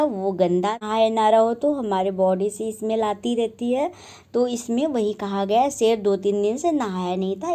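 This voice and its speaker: A woman's voice: a little high, mellow. A woman teacher reading a children's story aloud and patiently explaining each passage in simple words.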